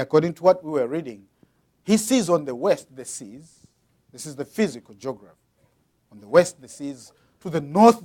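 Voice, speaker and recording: Preaching to his congregation, a Zambian man explains things patiently and reads aloud with dramatic swings in loudness. His voice sits on the high side.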